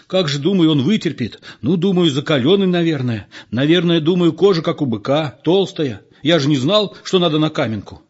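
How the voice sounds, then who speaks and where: A man's voice: fairly high pitch, lively intonation, normal speed, few pauses, darkish tone, breathy edge, voice pushed up. A man voicing a clumsy, apologetic man who rambles, pleads and keeps justifying himself. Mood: flustered. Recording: dull lo-fi audiobook recording.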